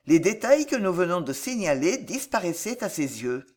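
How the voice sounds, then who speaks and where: A woman with a lowish voice reads a historical novel as an audiobook narrator, telling the story in a measured, expressive way.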